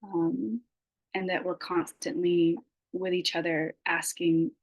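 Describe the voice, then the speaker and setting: A woman farmer sharing her experience in an online support circle, reflective and halting, with many fillers, over a video call. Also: lowish voice, level tone, no echo, low-quality recording.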